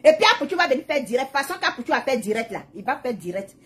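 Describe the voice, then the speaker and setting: Talking very fast and very animatedly, a mother with a high, fairly bright voice goes live for her social media followers. Her casual monologue is emphatic and repetitive, wandering into prayerful preaching.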